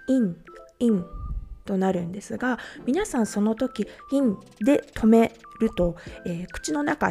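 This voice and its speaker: A woman from Japan teaches pronunciation on a podcast, working through each point slowly with frequent fillers. Her voice is mellow and warm, and faint music plays beneath it. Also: on the high side. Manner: explains step by step with many fillers. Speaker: language teacher.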